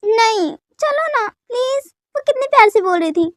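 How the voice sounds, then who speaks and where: A woman reading a boyish young husband in a dubbed fan story, begging and apologising in a very high, thin voice. The sound is close and dry, with no room around it. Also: lively intonation, quick pace, no room sound. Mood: pleading. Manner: coaxing, soft begging.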